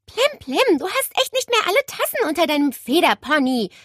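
An indignant young girl from a storybook, scolding in a high, raised voice, as a woman reads her lines. Loud and sharp-edged, recorded dry. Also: very animated, fairly quick, no room sound, heavily acted. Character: cross young girl woken too early.

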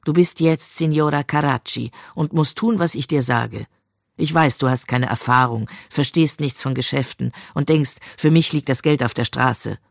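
A reader voicing a controlling young husband who lectures his wife in a low, threatening tone. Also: vocal fry, no echo, clean studio sound. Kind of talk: audiobook reading.

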